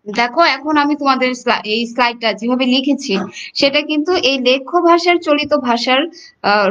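In dull, lo-fi audio from an online class, a teacher from Bangladesh lectures her students, speaking to them directly and leaning on fillers. Her voice is high and a bit bright.

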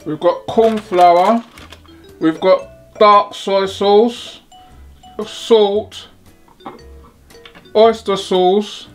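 A man hosting a home cooking video, talking slowly and haltingly through each step of a recipe in his kitchen. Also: high-pitched, steady tone. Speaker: cooking channel host. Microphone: off-camera, hands-only framing. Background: sizzling wok, faint music.

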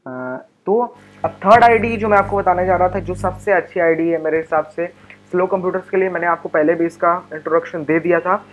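Young Indian man, chatty tutorial host, slightly high voice, faint hum behind. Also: brisk. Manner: chatty, mixes Hindi and English, many fillers and restarts. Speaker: coding tutorial YouTuber. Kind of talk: casual screen-recorded tech tutorial.

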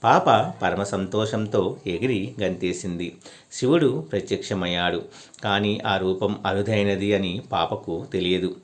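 A man narrating a devotional story in an earnest, steady storytelling manner. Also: fairly low pitch.

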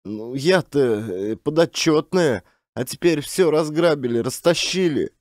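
A man voicing a frightened stout woman who runs a camp canteen, with a shrill pleading wail. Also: lively intonation, a little slow, darkish tone, no echo, studio quality. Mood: stammering.

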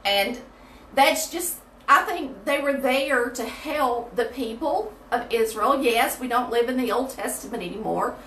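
A woman's voice: on the high side, a little slow, fairly bright tone, far from the mic. A woman leading a folksy, chatty Bible study, her voice ringing hollow off the walls of a small bathroom. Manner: chatty, folksy, talks straight to viewers. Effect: echoing, hollow room sound. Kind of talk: casual livestream Bible study. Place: small tiled bathroom, indoors. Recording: echoey bathroom, off-mic, faint hiss.

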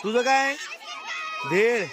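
A man with a Marathi accent walks through an outdoor school fair and gives a cheerful running commentary, exclaiming as he goes and asking children their names. A crowd chatters all around him, and loud outdoor noise sits under his voice. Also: extremely high pitch, lively intonation, slow. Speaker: reporter touring a school market. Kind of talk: casual walkaround vlog commentary.

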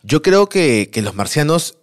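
A man's voice: on the high side, big pitch swings, measured pace. A man with a Peruvian accent hosting a podcast, chatting casually and giving short reactions and opinions. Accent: Peruvian Spanish. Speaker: podcast host. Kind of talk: casual chat.

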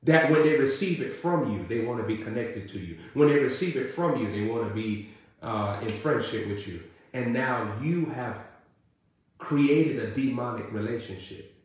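A man's voice: lively intonation, normal speed. Male preacher, sermon delivery, emphatic repetition, heavy room echo. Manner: rising to emphatic repeated questions, then dropping low. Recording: very echoey room.

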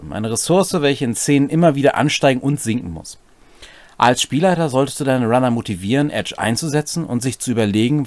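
In a cluttered little room at home, a forty-something man walks viewers through game rules on camera, speaking to them directly and partly from a script. His voice is medium-pitched with a darkish tone, and the recording has no echo.

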